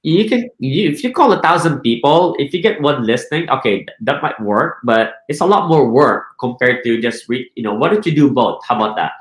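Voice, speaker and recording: Talking casually in an interview, a Filipino real estate team leader often asks "right?", repeats words and starts sentences over. His medium-pitched voice has lively intonation and moves fairly quickly with hardly any pauses, on a reverberant, low-quality recording.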